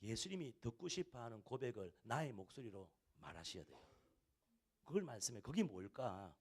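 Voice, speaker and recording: A man in the pulpit delivering a sermon, his voice sitting at an ordinary middle pitch. He leans on repeated phrases, pushing some lines loud and letting others drop to a near hush. The delivery is earnest and insistent. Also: very animated, moderate pace, slightly rough. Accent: Korean. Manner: repetitive, emphatic preaching with rising and falling volume. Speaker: pastor. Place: church service hall.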